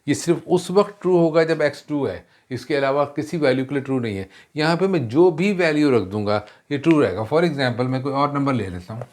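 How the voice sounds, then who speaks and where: A man's voice: mid-range voice, expressive, a little fast, hardly any pauses, darkish tone. Man teaching algebra, mixing in English. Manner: mixes Hindi with English terms, explains step by step; self-correcting, asks rhetorical questions. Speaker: math teacher. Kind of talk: classroom math lesson.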